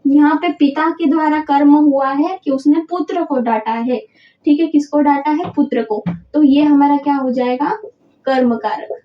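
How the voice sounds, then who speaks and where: A woman teaching Hindi grammar for an exam. She keeps checking in with short tag questions, mixes English words into her Hindi, and reads example sentences out slowly, word by word. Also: high voice, steady tone, far from the mic. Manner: repetitive, checks understanding with frequent "thik hai" and "hai na". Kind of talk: exam-prep lesson. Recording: echoey room, dull lo-fi sound.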